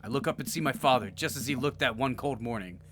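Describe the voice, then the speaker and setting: Deadpan man reading game text. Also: medium pitch, fast talker, a little hiss or hum. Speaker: let's play co-host reading game text aloud. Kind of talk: dry read-aloud narration of a visual novel.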